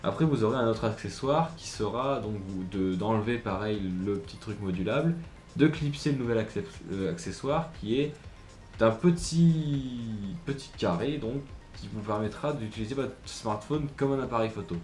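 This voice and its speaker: A man's voice: on the low side, moderate pace, darkish tone. Hesitant French-speaking man, roomy echo. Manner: hesitant, many fillers and restarts. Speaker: tech reviewer. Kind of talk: casual product review. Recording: roomy echo with faint music.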